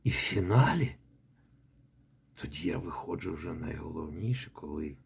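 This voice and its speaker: A man's voice: very deep voice, animated, normal speed, creaky, slightly rough. A man coaching a student's recitation in a rambling voice message, repeating words as he demonstrates. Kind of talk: spoken feedback voice message.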